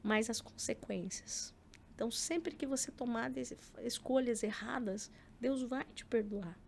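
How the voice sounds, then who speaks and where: A middle-aged Brazilian woman with a Brazilian Portuguese accent tells a personal story as a podcast guest in a casual interview, acting out quoted lines and using lots of filler words. Her voice sits on the high side with fairly even intonation, a moderate pace, some creak, and a slightly mellow tone, over slight background noise.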